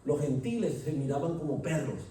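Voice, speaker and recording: A preacher giving an emphatic sermon and often asking the congregation rhetorical questions. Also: male voice, a little high, lively intonation, fairly quick, warm tone, a little hiss or hum. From Colombia. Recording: echoey hall, distant mic.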